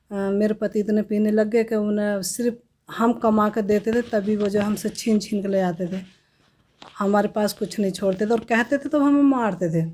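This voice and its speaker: A woman telling her own life story as a testimony in an interview, in a plain, halting way with many restarts. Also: medium pitch, warm tone, a little hiss or hum. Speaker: testimony giver.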